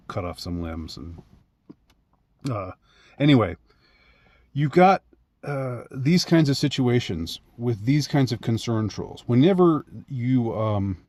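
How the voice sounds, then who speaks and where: A man's voice: on the low side, darkish tone. A man talking in a casual monologue, rambling and hesitant, with many fillers and restarts and frequent chuckles. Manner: chuckles often. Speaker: commentator.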